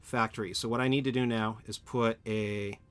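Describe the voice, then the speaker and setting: A man with a fairly low, smooth, steady voice speaks at normal speed, with no room sound. While building in a factory-building game on a live stream, he rambles and chats casually with his viewers.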